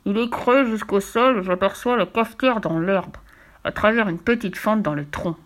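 A woman's voice: medium pitch, moderate pace, close to an everyday voice. A woman voicing Fifi, a bold and mischievous young girl in a storybook reading. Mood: playful. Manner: cheeky, boastful, mischievous. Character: bold playful girl adventurer.

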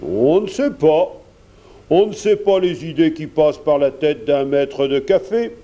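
A man reading aloud and voicing a kind, reassuring gentleman painter who helps the young men. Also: on the high side, animated, unhurried, highs cut off. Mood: kindly. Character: kindly older gentleman painter, warm benefactor.

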